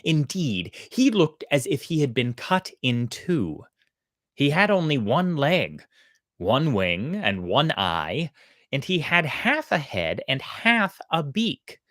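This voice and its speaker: Recorded close, dry and without room sound, this storytelling host has a lively, varied pitch. Speaking at a slow pace, they move thoughtfully from casual, conversational explanation into expressive storybook narration.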